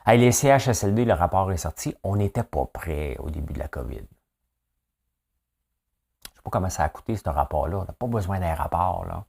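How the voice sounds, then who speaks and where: Québécois guy riffing on the news, very low voice, blunt and jokey. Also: animated, a little fast, vocal fry, darkish tone, breathy edge. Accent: Québécois French. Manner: blunt, opinionated, joking rant. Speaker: host of a daily news chat. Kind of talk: casual news commentary.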